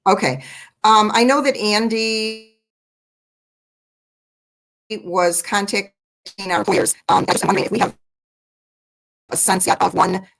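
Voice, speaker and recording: A woman council member asking questions in short halting bursts over a video call whose audio keeps breaking up with dropouts. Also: mid-range voice, fairly even intonation, gravelly, fairly bright tone, poor audio. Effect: choppy, breaking-up video call audio with dropouts. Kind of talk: remote meeting question.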